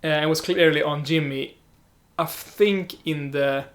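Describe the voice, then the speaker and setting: A young man with a somewhat high voice chats casually about films. He is lively and animated, and he slips easily into imitating how other people talk. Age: young adult. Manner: chatty, animated, quick to imitate others' speech. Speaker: podcast co-host, film student. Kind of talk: casual film discussion.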